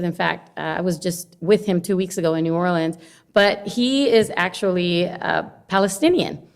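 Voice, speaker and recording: Lively middle-aged woman from Honduras. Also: medium pitch. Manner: lively storyteller, laughs often. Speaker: guest, longshore worker and former teacher. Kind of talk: casual interview conversation.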